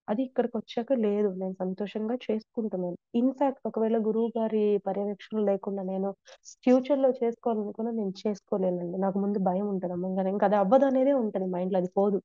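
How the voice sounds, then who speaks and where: A woman's voice: medium pitch, mellow, no room sound. Earnest devout woman, dry dull sound. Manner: earnest, devout, with frequent restarts. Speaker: devotee sharing experiences. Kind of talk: conversational testimony.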